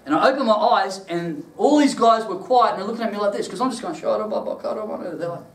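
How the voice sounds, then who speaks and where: Male preacher, high-pitched and lively, recorded from a distance in a reverberant hall. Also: fast talker. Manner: animated storytelling, laughs through his stories. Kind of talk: sermon with personal testimony. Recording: echoey room, mic at a distance.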